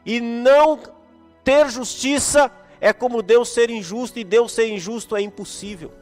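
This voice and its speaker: High-voiced Brazilian pastor preaching. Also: male voice, measured pace. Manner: earnest storytelling preacher. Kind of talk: sermon. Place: church. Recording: echoey hall with soft music.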